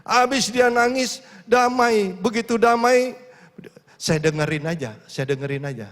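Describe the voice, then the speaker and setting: Male preacher, storytelling sermon, voice a bit high, big hall echo. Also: unhurried, a bit bright. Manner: storytelling with acted quotes, rising to fervent exhortation. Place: large church hall. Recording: long church reverb.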